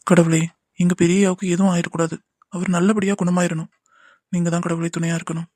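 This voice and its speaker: A man's voice: high voice, level tone, fast talker, a little mellow, no room sound, clean studio sound. A man voicing a young man in a cartoon drama who earnestly pleads with and comforts the family. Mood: comforting.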